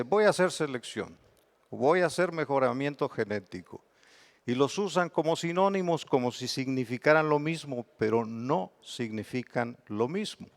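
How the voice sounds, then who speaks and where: Gravelly Mexican man lecturing on bees. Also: mid-range voice. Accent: Mexican Spanish. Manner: explanatory, defines terms with examples. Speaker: bee researcher giving a lecture. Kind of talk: conference lecture.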